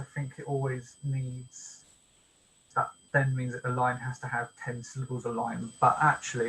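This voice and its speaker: A man leading a poetry workshop, explaining step by step in a casual lecture style, with many pauses and ums. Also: mid-range voice, a bit bright, slight background noise, poor audio. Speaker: workshop leader. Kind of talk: informal online workshop lecture.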